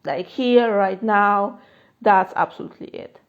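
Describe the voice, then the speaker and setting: Speaking into a phone, a woman with a Polish accent who works as a life coach handles live-stream chat questions casually, filling her talk with fillers and laughs. She has a medium pitch and goes a little slowly, and the audio is muffled.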